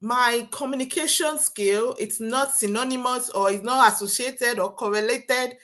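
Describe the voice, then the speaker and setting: A woman's voice: fairly high pitch, normal speed, a bit bright. Emphatic woman podcast host. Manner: affirming, emphatic. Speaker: podcast host, nurse coach. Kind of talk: conversational interview.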